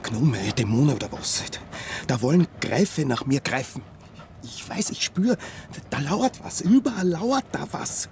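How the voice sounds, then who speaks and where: An anxious, bitter male writer in a radio drama. His or speech is halting and brooding, with a very mobile pitch over clear background noise. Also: lively intonation, darkish tone. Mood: fearful, paranoid. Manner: agitated, brooding, halting repetitions and muttering. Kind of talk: radio play acting.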